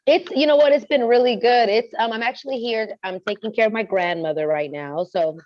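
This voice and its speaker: A woman guest chatting casually, telling stories in an expressive, talkative way. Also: a little high, a little fast, no echo, highs cut off. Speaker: podcast guest. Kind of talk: casual chat.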